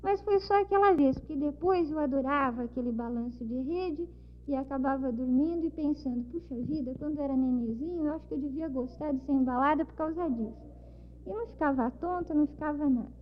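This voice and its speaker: Interviewee, woman with São Paulo accent, high voice, lively storyteller, dull lo-fi audio. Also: brisk, slight background noise. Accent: São Paulo Portuguese. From São Paulo, Brazil. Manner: lively storytelling, acts out dialogue. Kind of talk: recounting travel memories. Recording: dull lo-fi recording.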